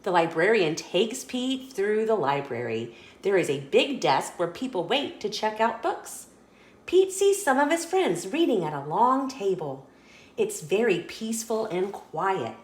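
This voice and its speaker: A woman of medium pitch reads a children's picture book aloud as a story host, expressive and deliberate in her telling, with reverberant sound around her.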